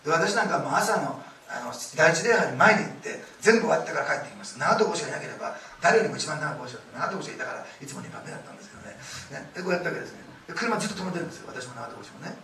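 Fast, gravelly man preaching a sermon. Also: fairly high pitch, a little hiss or hum. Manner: lively storytelling with acted-out quotes. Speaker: pastor. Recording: echoey room, distant mic, faint ambience.

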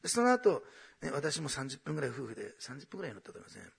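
A middle-aged male pastor preaching a sermon in a church, swinging from hushed near-whispers to loud, excited storytelling. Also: medium pitch, rapid-fire, creaky, slightly rough.

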